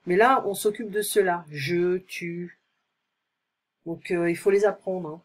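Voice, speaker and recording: A woman teaching in a recorded tutoring lesson, explaining slowly and checking in often with short questions. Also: lowish voice. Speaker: French teacher.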